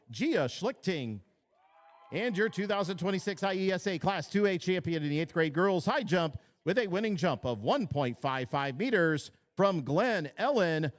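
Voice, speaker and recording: A man's voice: fairly high pitch, no room sound. A man announcing awards at a track meet over a public address system, calling places, marks and schools, and stretching out the winners' names. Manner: slow, drawn-out name calls.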